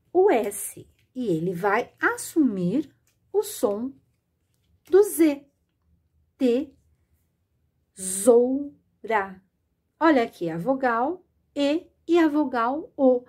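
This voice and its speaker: A woman's voice: a little high, a little mellow, slightly rough. A woman teaching a children's literacy lesson, patient and didactic, drawing out words and sounds as she speaks straight to the learner. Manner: slow, drawn-out and sing-song, stretching words and sounds.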